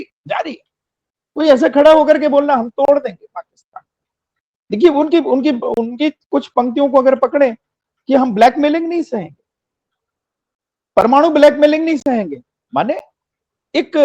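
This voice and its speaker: A man with a high voice delivers fervent political commentary, hammering his points with repeated phrases. He sounds close and dry, with no room echo. The sound is a little dull and muffled. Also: a little mellow. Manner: rhetorical, emphatic, repeats phrases for effect.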